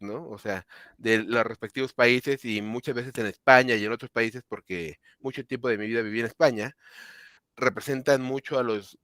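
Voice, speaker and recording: A man's voice: mid-range voice, a bit bright, no room sound. A Mexican man speaking up in a class discussion, explaining with "o sea".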